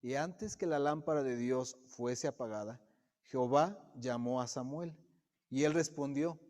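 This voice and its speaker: A man's voice: mid-range voice, a little slow, a little mellow. A man preaching a sermon to his congregation, often putting direct questions to the listeners. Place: church sanctuary. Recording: long reverb of a church hall.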